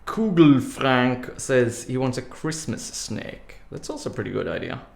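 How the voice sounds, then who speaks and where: Streaming himself coding from home, a man rambles in a sing-song, unhurried way, peppering his talk with "like" and laughing easily. His mid-range voice has vocal fry and a darkish tone, and the room sounds echoey.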